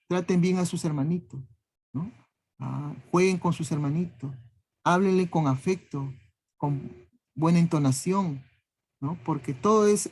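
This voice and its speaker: A man's voice: a little high, darkish tone. A man teaching a class, listing ideas one word at a time and checking in with a questioning "¿no?" after nearly every phrase. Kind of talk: classroom lecture.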